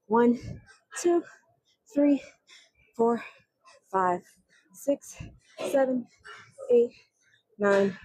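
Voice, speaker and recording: A woman's voice: a little high, lively intonation, very slow, pauses often, dark tone, dry recording, low-quality recording. A young woman vlogging her workout in a gym, out of breath and counting reps with strained grunts. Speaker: fitness vlogger.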